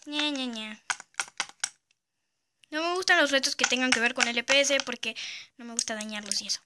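A female channel host, chatting casually and reacting in a lively, giggly way as she reads out viewer dares, recorded on a phone. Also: fairly high pitch, fast, heavy background noise.

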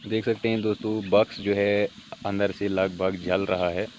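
A man's voice: fairly low pitch, level tone, normal speed, a little mellow. A man with a Jammu and Kashmir Hindi accent giving a step-by-step outdoor how-to demonstration, talking into a handheld phone camera. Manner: explains step by step, addressing friends. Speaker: beekeeping channel host. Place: outdoors on bare ground. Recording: dull lo-fi phone audio, faint outdoor noise.

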